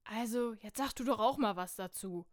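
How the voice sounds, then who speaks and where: A woman's voice: fairly high pitch, moderate pace. A woman in a satirical stage comedy, pleading and fussy.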